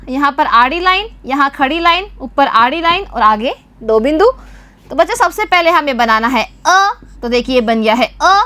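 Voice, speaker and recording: A woman teaching young children to write letters, speaking slowly and clearly, repeating and quizzing them patiently. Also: sits high, fairly bright tone, dry recording. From Rajasthan, India. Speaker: primary school teacher. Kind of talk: slow, clear Hindi writing lesson for young children.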